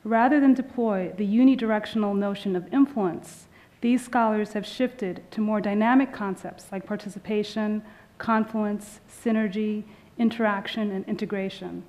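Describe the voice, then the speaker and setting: A woman museum curator giving formal welcome remarks in an auditorium, speaking from a podium microphone and often pausing on "uh". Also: medium pitch, fairly even intonation, a little mellow. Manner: formal, with frequent filler "uh"s.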